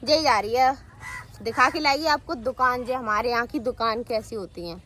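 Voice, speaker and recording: A woman's voice: fairly high pitch, moderate pace, bright, forceful tone, a little hiss or hum. A young woman vlogging casually from her village home, chatting to her viewers as friends. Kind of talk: casual vlog narration. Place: village home, rooftop and fields, outdoors.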